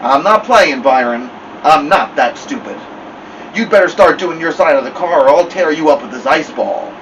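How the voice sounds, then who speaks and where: A man reading aloud, voicing a young boy who shouts at his siblings and family. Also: on the high side, lively intonation, moderate pace, far from the mic, dull audio, slight background noise. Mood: defiant. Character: bold boy, younger brother.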